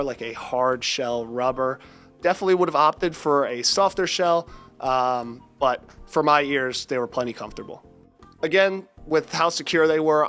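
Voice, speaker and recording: Presenting a scripted audio product review with brisk, upbeat energy, a young man speaks in a congested, stuffy voice. It is mid-range in pitch with a fairly bright tone.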